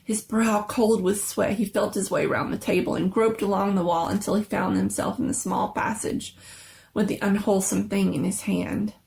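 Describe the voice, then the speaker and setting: Gravelly woman narrating a scary story. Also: mid-range voice, steady tone, a little mellow, slight background noise. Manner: suspenseful, theatrical, deliberate phrasing. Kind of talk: dramatic scripted story narration.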